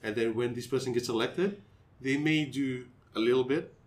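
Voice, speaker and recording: A young man in casual chat, talking haltingly and leaning on filler phrases. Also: medium pitch. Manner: halting, repeats fillers a lot.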